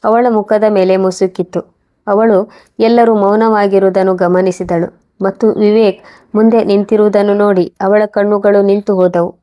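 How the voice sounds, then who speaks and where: A woman reading a scripted moral story in an even, measured way. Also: medium pitch. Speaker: narrator.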